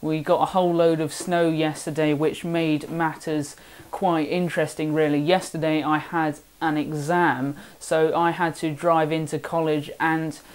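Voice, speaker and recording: A man's voice: on the high side, level tone, measured pace, few pauses, clean tone. A seventeen-year-old young man from the south of England with a southern English accent, chatting casually and self-deprecatingly in a vlog voice-over. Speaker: woodworking vlogger. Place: home workshop.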